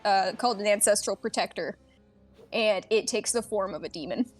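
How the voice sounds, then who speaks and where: A woman playing a tabletop game, animated and blunt, swearing freely as she describes her character. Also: mid-range voice, moderate pace, soft background music. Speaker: player. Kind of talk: casual tabletop game chat.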